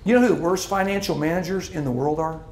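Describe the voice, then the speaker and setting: A man's voice: fairly high pitch, fast, darkish tone, reverberant. A middle-aged man preaching a sermon as pastor, emphatic and repeating his key lines. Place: church hall.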